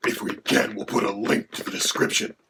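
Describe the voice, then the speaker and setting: A voice, given as male, playing a haughty dragon companion with a gravelly, creaky, half-whispered sound. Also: brisk, background noise, lightly acted. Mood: lecturing. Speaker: co-host.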